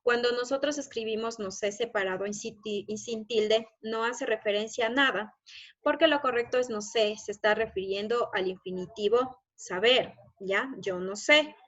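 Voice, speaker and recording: Woman teacher going over slides, kinda high voice, keeps checking "ya?", dull lo-fi sound. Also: moderate pace, fairly bright tone. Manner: explanatory, checks in with frequent "¿ya?". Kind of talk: recorded lesson over slides.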